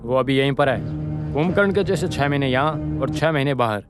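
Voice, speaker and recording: A man's voice: medium pitch, fairly quick, over loud music, close to an everyday voice. An actor dubbing a matter-of-fact male police officer reasoning through a case in a Hindi film scene.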